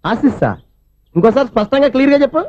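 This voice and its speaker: A wisecracking film director, who mocks and jokes in a very high, quick voice. The sound is dry and dull, like an old film soundtrack. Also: male voice, animated, a little mellow, dry recording. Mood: mocking. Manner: mocking, joking. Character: teasing wisecracking male film director, middle-aged.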